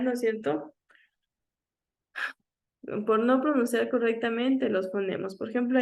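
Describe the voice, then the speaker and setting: A woman teaching an online class, lecturing and checking in often with her students, sometimes slowly sounding out speech sounds to demonstrate them. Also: fairly high pitch, gravelly. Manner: checks in with frequent "¿ya?".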